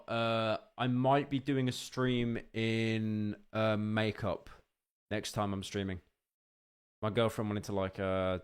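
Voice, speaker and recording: A man's voice: mid-range voice, clear, resonant tone. Rambling young man streaming. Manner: rambling, stammering restarts, sudden excited outbursts. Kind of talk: casual live-stream reaction.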